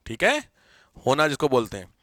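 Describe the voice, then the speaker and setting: With a mid-range voice and a moderate pace, this man runs a live grammar class, playfully teasing students and frequently asking them questions. The audio is dry, with a clean studio sound.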